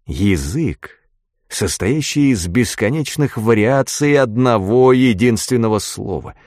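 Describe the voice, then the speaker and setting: A man narrating an audiobook in an expressive literary style. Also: mid-range voice, takes it slowly, no echo, studio quality. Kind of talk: audiobook reading.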